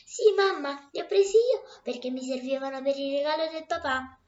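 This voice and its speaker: A woman's voice: high-pitched, normal speed, a little mellow, reverberant, muffled recording, natural voice. A woman voicing a little girl in a storybook reading, pleading and tearful. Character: small frightened then tender little girl.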